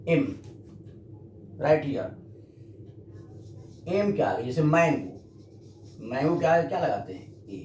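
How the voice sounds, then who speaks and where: A slow-talking man teaching a grammar lesson, his pitch rising and falling a great deal. He keeps asking the class questions and then answering them himself. His voice rings in an echoey room with some faint noise behind it. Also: very animated, a little mellow. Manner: addresses students, asks and answers his own questions.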